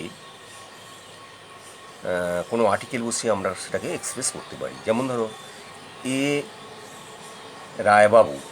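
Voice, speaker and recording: A man's voice: medium pitch, slight background noise, poor audio. A man teaching English grammar in a patient, explanatory way, repeating examples and checking that the listener follows. His first language is Bengali.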